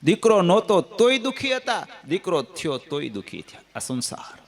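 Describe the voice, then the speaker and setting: A man with a Gujarati accent giving a devotional scripture discourse, telling stories and folk anecdotes in a lively, sing-song way. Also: sits high, normal speed. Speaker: katha storyteller.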